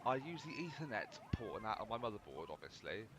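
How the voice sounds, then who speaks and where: A man's voice: fairly low pitch, sing-song, fairly quick. A young man rambling casually through gameplay commentary, swearing freely as he chats. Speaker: gaming channel host.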